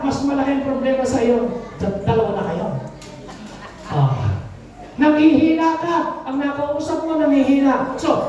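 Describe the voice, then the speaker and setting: A woman's voice: sits high, dark tone. A woman pastor preaching a sermon in a church, often calling out to the congregation for an "Amen". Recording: echoey room, mic far off.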